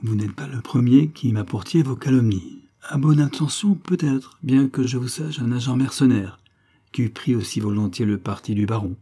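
Man doing a cold stuck-up young lady, a bit higher, husky dark voice. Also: normal speed. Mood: haughty. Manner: icy, haughty. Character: proud, cold young noblewoman in love.

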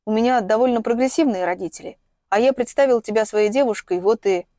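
A woman's voice: a little high, fairly quick, mellow, no echo, clean studio sound, natural voice. A woman reading as an earnest young man. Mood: gentle. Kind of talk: audiobook reading.

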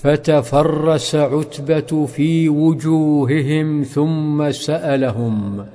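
A man narrating a story dramatically, in a slow, sing-song, chanting delivery. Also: a little high, steady tone, warm tone. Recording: long reverb with faint background music.

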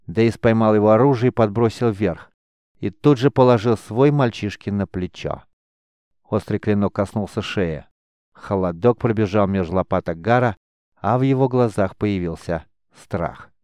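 A man narrating an audiobook in a measured, even manner. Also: lowish voice, clean tone, no echo, studio quality. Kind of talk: scripted narration.

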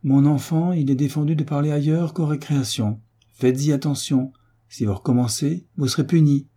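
A man's voice: fairly high pitch, fairly even intonation, measured pace, warm tone, pitched above the performer's own voice, natural voice. A man voicing a stern woman teacher at a convent school, speaking in a severe, reproving way in a storybook reading.

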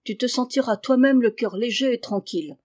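A woman's voice: a little high, a little fast, a little mellow, natural voice. A woman reading aloud the part of a firm, kindly farmer's wife in a classic storybook.

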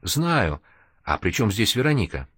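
A man's voice: lowish voice, sing-song, measured pace, a bit bright, breathy edge, no echo, clean studio sound, heavily acted. A man reading an audiobook, voicing a complaining, resentful young male artist. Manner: whiny, complaining.

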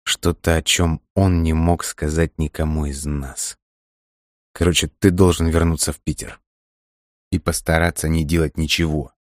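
A man voicing a calm, tired young man who keeps his voice low and even. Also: a little fast, no room sound, clean studio sound. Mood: hushed.

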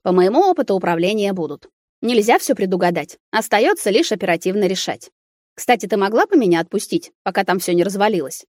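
A woman voicing a proud, skeptical male dark lord ruler in a storybook reading, speaking dryly and reasonably. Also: medium pitch, expressive, brisk, dry recording, studio quality, natural voice.

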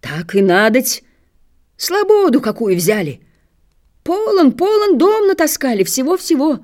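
A woman voicing a spiteful old peasant nanny who gloats in shrill, excited vernacular. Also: measured pace. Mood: gloating.

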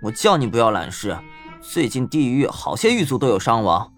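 An actor playing a small, sharp-tongued male yaksha ghost in an audio drama, mocking and scolding as he talks. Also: medium pitch, very animated, moderate pace, soft background music, lightly acted.

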